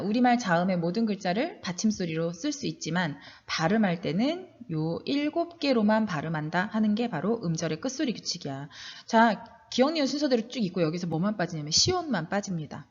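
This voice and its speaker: A woman teacher giving a recorded pronunciation lesson. She drills examples aloud and keeps asking her students questions. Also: mid-range voice. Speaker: Korean language teacher. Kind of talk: video lecture on pronunciation rules. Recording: dull lo-fi sound with long reverb.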